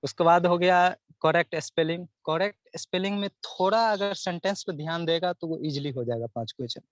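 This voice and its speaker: A man's voice: on the high side, a little fast, dry recording. A young man, giving earnest advice as a student guest in an interview, often repeating himself as he lists topics. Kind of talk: casual interview answers.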